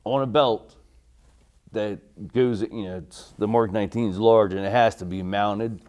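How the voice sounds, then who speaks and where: A mellow American man with a low, steady voice is interviewed for an oral history about his army service. He recalls it haltingly, with deferential politeness.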